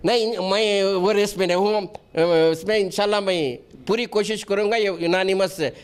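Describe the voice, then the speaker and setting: High-pitched earnest man. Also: normal speed, clean tone. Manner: earnest, repeats himself, restarts often; defensive and pleading. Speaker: wakf board member being interviewed. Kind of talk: news interview answers.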